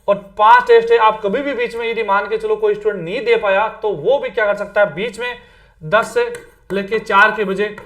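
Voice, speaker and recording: A man teaching an exam-prep lesson in a chatty way, often tagging on "theek hai" and mixing in English words. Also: high-pitched. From Rajasthan, India. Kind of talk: casual Hindi exam-prep lecture.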